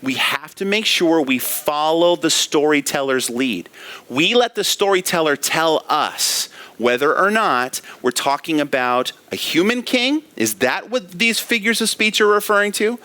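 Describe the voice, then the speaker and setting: A man preaches in a church with a bright, forceful voice. His pitch swings widely as he asks rhetorical questions and stresses the scripture he reads. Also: expressive, unhurried. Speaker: pastor. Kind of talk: expository sermon.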